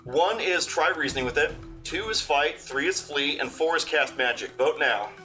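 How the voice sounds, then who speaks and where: A man hosts a tabletop game as game master. He improvises his narration in a casual, halting way, with a bright, forceful voice. Faint music plays behind him. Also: a little high, lively intonation, poor audio.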